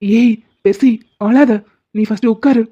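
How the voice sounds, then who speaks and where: Woman playing a steady young cartoon guy, bit high voice, muffled lo-fi sound. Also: unhurried. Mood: soothing. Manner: steady, soothing, firm. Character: calm young man, friend and doctor. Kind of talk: Tamil cartoon dubbing. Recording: dull lo-fi recording.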